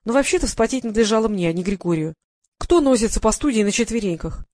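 A narrator reads a comic first-person story with wry, brisk timing, at an ordinary middle pitch. The recording is close and completely dry, with no room sound. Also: animated, darkish tone, no echo. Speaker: audiobook narrator.

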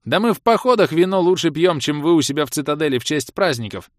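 A man's voice: on the high side, fast, no room sound, studio quality, voice pushed up, lightly acted. Man voicing a scornful brash young woman. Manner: sneering, brash. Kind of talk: audiobook character voice.

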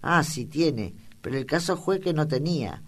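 A woman's voice: low-pitched, lively intonation, normal speed. A woman reading an audiobook, voicing an earnest, affectionate young country girl with rustic speech.

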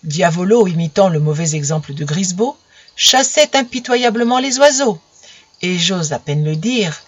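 A woman narrating a children's storybook gently, speaking directly to her young listeners, on a dull lo-fi recording. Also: fairly low pitch, expressive, moderate pace, slightly rough, no echo. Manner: gentle, intimate address to children.

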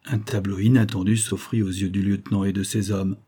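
A male audiobook narrator reads a classic novel at a steady, measured pace. His voice is low and dark, with a husky grain. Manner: steady, measured storytelling delivery.

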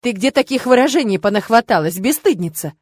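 A woman's voice: medium pitch, lively intonation, brisk, darkish tone, no echo, clean studio sound, lightly acted. Woman voicing a firm, tender young husband. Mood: scolding. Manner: patient, reproachful, firm.

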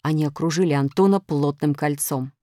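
A woman reading a children's story aloud in an expressive way. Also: low voice, fairly quick, no echo, clean studio sound.

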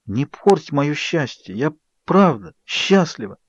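An earnest young woman pours out her feelings in raised, pleading lines, as a male audiobook reader lifts his voice to play her. The voice sits noticeably higher than a man's usual speech and rises sharply when upset. The recording is dry and slightly dull. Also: big pitch swings, slow, dry recording, full character voice. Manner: pleading, heated outbursts.

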